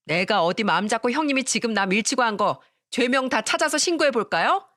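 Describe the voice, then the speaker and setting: A snobbish young wife with a sneering, bossy tone, as a woman narrator puts her on. Her voice climbs high and swings wide when she jeers and threatens. The sound is close and dry, with no room around it. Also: big pitch swings, normal speed, fairly bright tone, no echo. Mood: threatening. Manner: mocking, shrill and bossy.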